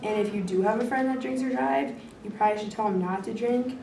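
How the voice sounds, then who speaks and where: A woman's voice: a little high, fast talker, creaky, warm tone. A teenage girl, a student, speaking in a plain, earnest way. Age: teens. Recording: roomy echo, distant mic, background noise.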